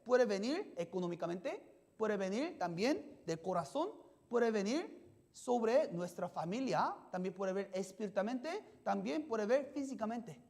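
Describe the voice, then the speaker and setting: A pastor preaching a sermon in simple, halting sentences. The pastor keeps asking the congregation questions and checking in with "yes?". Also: mid-range voice, a little mellow. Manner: simple, halting phrasing with restarts.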